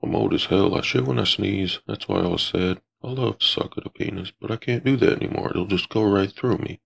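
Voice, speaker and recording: A man voicing a blunt, grumbling old grandpa in an amateur cartoon, with a raspy grandpa voice. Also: fairly low pitch, a little fast, full character voice. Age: older.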